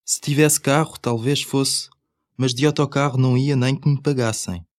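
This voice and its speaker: A man's voice: medium pitch, steady tone, normal speed, dry recording, studio quality. A man with a European Portuguese accent reading scripted language-course dialogue, carefully enunciated.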